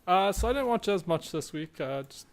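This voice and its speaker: Easygoing young guy cohosting a podcast, bit high voice, rambly, laughs a lot. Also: animated, moderate pace. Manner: easygoing, laughs often, many fillers. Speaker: podcast co-host. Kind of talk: casual chat.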